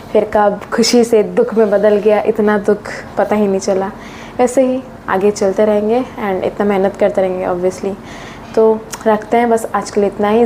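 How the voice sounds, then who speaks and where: A teenage girl from Odisha chatting casually in a vlog, slipping English phrases into her talk and getting excited as she tells stories. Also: medium pitch, slight background noise. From Odisha, India. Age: teens. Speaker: student vlogger.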